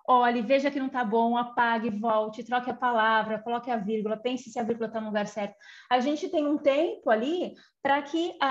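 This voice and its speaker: A woman giving an informal talk on communication, explaining step by step with frequent fillers and tag questions. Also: on the high side. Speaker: communication guidance speaker. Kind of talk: informal lecture. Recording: slightly muffled lo-fi audio.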